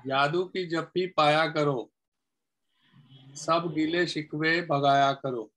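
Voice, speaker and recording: A man reciting a rhyming poem over a video call, in a measured sing-song way. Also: a little high, steady tone, a bit bright, rough recording. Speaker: poet. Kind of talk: poetry recitation.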